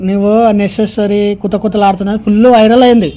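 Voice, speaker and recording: A man's voice: high voice, flat delivery, crowd noise. A man hosting a casual comedic interview, firing off teasing questions. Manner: teasing, rapid-fire questions.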